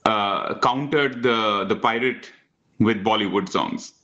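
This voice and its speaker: A man with an Indian accent hosting a conversational film discussion in a wry, measured manner. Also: lowish voice, bright, forceful tone, muffled recording. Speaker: discussion host.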